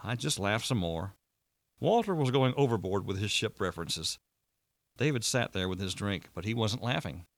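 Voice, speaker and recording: A man's voice: on the low side, lively intonation, moderate pace, no room sound. A man narrating a first-person audiobook in a dry, wry storytelling manner.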